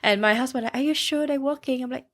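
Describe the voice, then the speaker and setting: This young adult bakery owner from Vietnam has a high-pitched, somewhat bright voice and a quick pace. Chatting casually in a podcast interview, she recounts her story in simple, broken English with a heavy Vietnamese accent and fillers.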